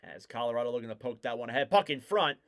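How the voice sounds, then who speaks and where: A man giving casual live play-by-play commentary on a hockey game, getting louder and keener on the big plays. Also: medium pitch, animated, fast talker.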